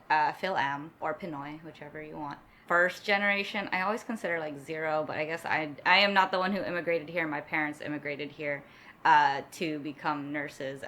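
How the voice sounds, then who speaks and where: A woman from New York City, a guest in a casual chat, talking animatedly and acting out quotes with frequent laughs. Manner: animated, acts out quotes in a high voice, laughs often.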